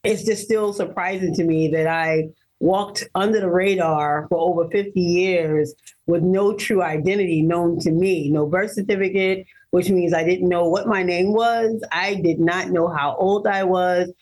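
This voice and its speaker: A woman in her fifties from Maryland, a guest telling her personal story in an earnest, animated way, laughing easily. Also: on the low side, a little slow, low-quality recording. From Baltimore, Maryland, US. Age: 50s. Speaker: interview guest.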